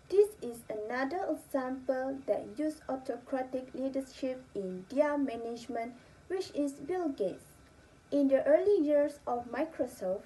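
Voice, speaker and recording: A woman's voice: sits high, dark tone, low-quality recording. A young woman giving a scripted slide presentation as a student presenter. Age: young adult. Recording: faint background noise.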